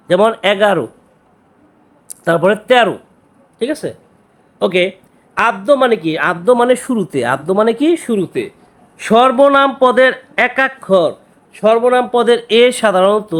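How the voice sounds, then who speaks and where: A man teaching an exam-prep grammar lesson, who repeats key words and keeps asking quick check questions. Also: high-pitched.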